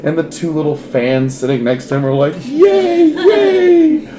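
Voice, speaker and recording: A man's voice: medium pitch, fairly even intonation, brisk, dark tone, a little hiss or hum. A man narrating a tabletop game as game master in a casual way, with many fillers. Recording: roomy echo with music behind.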